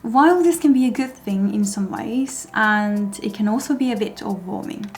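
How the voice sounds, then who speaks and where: A young woman from Okinawa, Japan, whose native language is Japanese, speaks with a Japanese accent at a medium pitch. A language vlogger, she narrates a scripted vlog in a calm, measured, soft-spoken manner.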